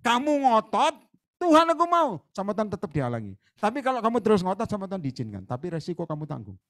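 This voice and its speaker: A man preaching in a church, fairly high voice that swings all over the place. He talks in a chatty way, acts out little back-and-forth conversations, and jumps from loud bursts to quiet asides. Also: very animated, racing. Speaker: guest preacher. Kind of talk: lively sermon. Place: church hall.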